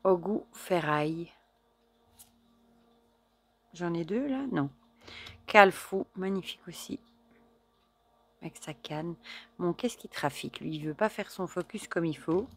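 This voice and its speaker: A woman in casual chat with her viewers, showing and admiring a deck of oracle cards, chatty and admiring, with soft murmured asides. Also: fairly low pitch, lively intonation, measured pace, pauses often, breathy edge. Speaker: card reader and oracle deck reviewer.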